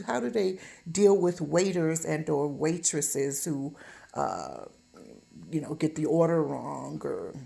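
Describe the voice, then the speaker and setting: Speaking from home in a fairly low, gravelly voice with a darkish tone, a woman offers informal relationship advice. She is blunt and emphatic, scolding and repeating phrases for emphasis.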